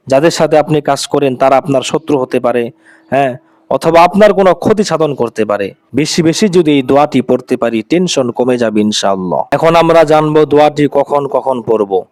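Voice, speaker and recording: A man's voice: medium pitch, darkish tone, dry recording. A man presenting an Islamic devotional video, speaking to viewers in an earnest, reassuring, preacher-like way.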